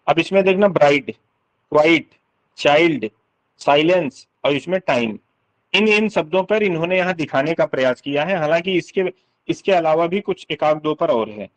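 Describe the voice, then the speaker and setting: A man's voice: fairly high pitch, expressive, normal speed, rough recording. Hindi-speaking man teaching English literature. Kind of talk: exam-prep lecture.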